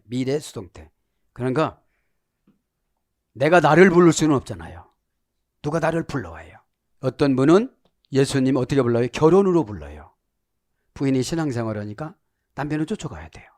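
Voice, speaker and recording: A man's voice: mid-range voice, darkish tone, no echo, clean studio sound. A middle-aged man preaching a sermon as pastor, teaching Greek words and acting out the voices of the people he quotes. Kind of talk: sermon with Greek word study.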